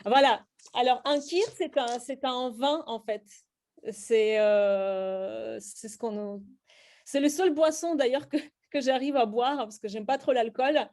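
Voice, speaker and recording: A middle-aged woman from Russia leads a slam poetry workshop, speaking French with a clear Russian accent. She explains her writing to students in a hesitant way, filling pauses and restarting phrases often. Her voice sits somewhat high for a woman. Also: a little mellow. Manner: hesitant, many fillers and restarts.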